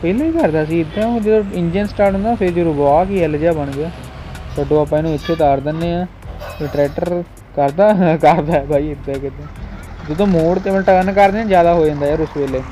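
A man's voice: on the high side, a little fast, warm tone. A young man gives casual, bantering gameplay commentary, exclaiming and repeating short phrases. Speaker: gaming video creator. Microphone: voice-over recorded over gameplay. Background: music.

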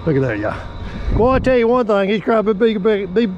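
Folksy man, high lively voice. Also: fairly quick, lo-fi sound, a crowd in the background. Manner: folksy, laughing, drawling exclamations. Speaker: fishing channel host. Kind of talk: casual outdoor fishing chat. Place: small boat on a river, outdoors.

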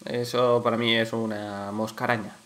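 A man with a Canary Islands Spanish accent giving casual, excitable commentary while playing a horror game, swearing and shouting at the enemies. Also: fairly low pitch, moderate pace. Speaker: let's play gamer.

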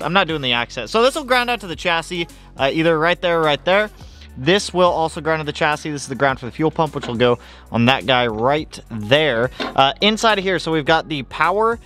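Male car-build vlogger, slightly high voice, relaxed slangy shop-talk delivery, faint music bed. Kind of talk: casual build-log narration.

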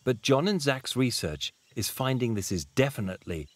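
A man's voice: mid-range voice, expressive, moderate pace, dry recording. A man delivering scripted narration for a nature documentary. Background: music.

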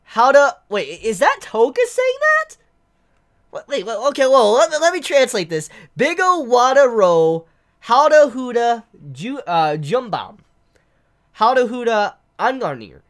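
His voice extremely high, bright, and very animated though a little slow, a twenty-something man with the flu reviews a manga chapter to camera. He rambles and stammers while sounding out made-up words, sitting indoors in a living room with a couch.

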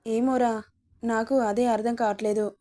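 A caring young husband, read by a woman narrator, speaks patiently with a teasing edge. The voice stays mellow and fairly high, in a storybook reading. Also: little pitch movement, normal speed, natural voice.

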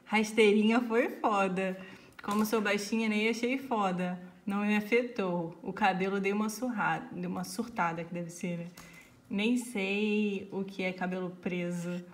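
A woman's voice: medium pitch, unhurried. A young woman, a bride chatting casually for her vlog and laughing often. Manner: giggly, laughs often, animated. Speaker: bride and vlogger.

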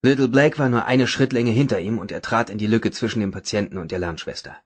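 A man reading a novel aloud as audiobook narrator, in a dramatic, even manner. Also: on the low side, quick pace. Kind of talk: scripted narration.

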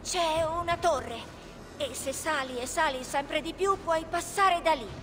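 A woman's voice: high voice, measured pace, noisy background. A woman voicing a frightened young child on the run in a video game dub. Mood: frightened, urgent. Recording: loud game music behind the voice.

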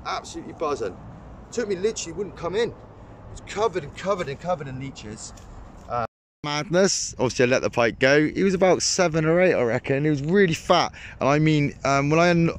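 A young man vlogging his fishing trip outdoors beside a ditch, talking excitedly and rambling to a camera set on the bank. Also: fairly high pitch, a little hiss or hum. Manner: excitable, rambling, lots of fillers. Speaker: angling vlogger. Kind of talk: casual chat to camera.

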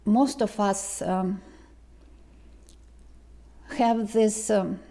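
A woman with a Ukrainian or Russian first language speaks slowly to the camera as a tarot reader in a casual vlog, filmed indoors in a living room on a lapel mic. Her voice is mid-range and warm with fairly even intonation. She halts often, restarting sentences and filling gaps with "um."

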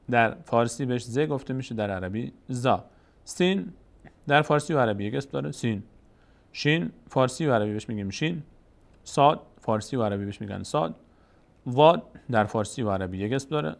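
Male teacher, gravelly voice, patient step-by-step explainer. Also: mid-range voice, animated. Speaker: Quran reading teacher. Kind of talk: lesson.

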